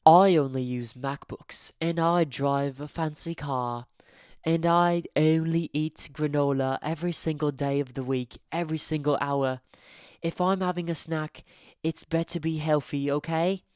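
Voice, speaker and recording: A man's voice: on the high side, fairly even intonation, darkish tone, clean tone, no room sound, clean studio sound, pitched above the performer's own voice, natural voice. A man doing a snooty British Apple snob. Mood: smug. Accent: put-on British. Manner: smug, drawn-out, preachy. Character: snooty Apple-loving male tech snob.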